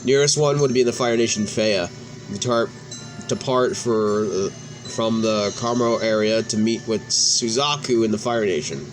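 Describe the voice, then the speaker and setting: Background music plays under a gaming video host who reads a game's cutscene lines aloud, occasionally tripping over words and starting them again. He speaks at a normal speed in a lowish voice.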